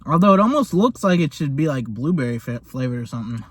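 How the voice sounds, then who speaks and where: A young man reviewing fast food in a casual taste-test vlog, talking while he eats and gushing in slang. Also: medium pitch, very animated, breathy edge. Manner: talks while eating.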